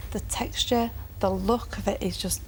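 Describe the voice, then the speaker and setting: A woman's voice: mid-range voice, fairly even intonation, moderate pace, slight background noise, rough recording. A woman giving a personal account in a plain-spoken, down-to-earth way. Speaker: phobia sufferer and guest.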